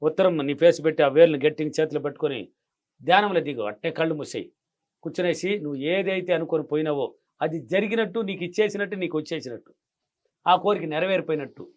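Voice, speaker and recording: A man's voice: a little high, fast talker. A man giving emphatic money-affirmation advice in an interview, repeating his key phrases. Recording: dull lo-fi sound.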